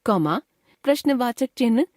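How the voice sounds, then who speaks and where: A woman teacher reading a scripted grammar lesson in a clear, measured way. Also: fairly high pitch, lively intonation, a little mellow, dry recording, clean studio sound. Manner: clear, measured classroom explanation.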